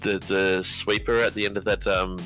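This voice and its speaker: A man's voice: low voice, little pitch movement, normal speed, pushed and bright, faint music behind, low-quality recording. An Australian man co-commentating a sim race, chatting casually and enthusiastically with lots of fillers. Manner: rambling, enthusiastic, full of fillers. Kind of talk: casual post-race chat.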